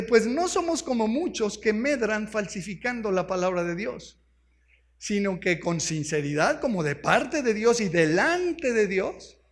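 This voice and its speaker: Mexican pastor guy preaching, high voice, keeps asking the crowd stuff. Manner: keeps asking the congregation questions; explains words step by step. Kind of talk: sermon.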